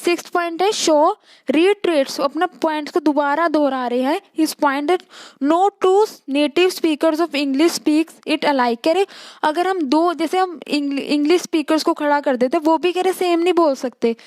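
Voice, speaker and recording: A young Indian woman with an Indian accent, teaching a college text in a Hindi-English mix, reading English lines slowly and then explaining them quickly in Hindi. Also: high voice, darkish tone, no echo.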